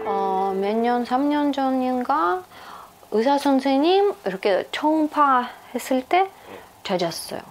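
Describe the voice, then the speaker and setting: Russian-accented woman, non-native speaker, slow and halting, slightly high voice, music underneath. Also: expressive. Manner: halting, searches for words. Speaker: interviewee, homemaker. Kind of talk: casual interview answers.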